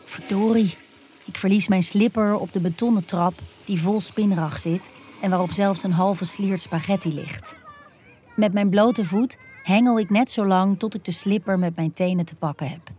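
A woman narrating a first-person erotic story in an intimate, hushed and dreamy way. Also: mid-range voice, normal speed, slight background noise.

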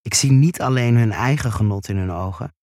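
A man reading a first-person erotic story aloud in a slow, hushed, intimate way. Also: medium pitch, no room sound, studio quality. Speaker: narrator.

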